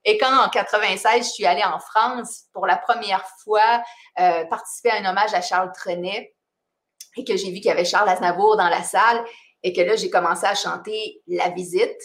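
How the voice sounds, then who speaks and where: A middle-aged woman with a Québécois accent, a singer-songwriter chatting casually in an interview, animated and self-mocking, often laughing. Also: mid-range voice, normal speed. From Quebec.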